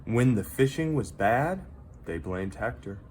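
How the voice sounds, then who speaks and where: A man, a teacher, reads a picture book aloud as a children's story while noticeable background noise plays underneath. He goes slowly and dramatically, his pitch moving very lively, pausing for effect.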